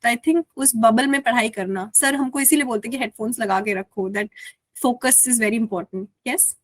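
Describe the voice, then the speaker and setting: A woman's voice: a little high, normal speed, no room sound. A woman running an online study session, explaining in mixed Hindi and English and calling on participants. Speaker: session leader. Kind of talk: online class discussion.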